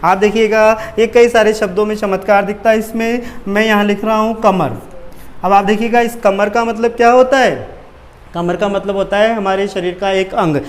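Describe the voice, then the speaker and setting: A man's voice: sits high, fairly even intonation, moderate pace. A male teacher giving an exam-prep grammar lesson at a board, asking questions and answering them himself.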